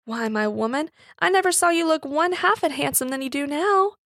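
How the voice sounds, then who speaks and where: Woman reading steady honest workman, rustic speech, gravelly, dry. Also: high-pitched, normal speed, dry recording, voice pushed up. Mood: earnest. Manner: plain, warm rustic dialect. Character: honest, steady working-class young man.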